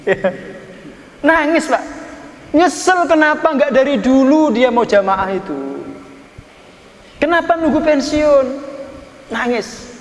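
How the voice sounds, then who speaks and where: A man's voice: very high voice, expressive, slow, pauses often. A man preaching a sermon, telling folksy stories and teasing his listeners. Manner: folksy storytelling, teasing the audience. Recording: echoey hall from far off.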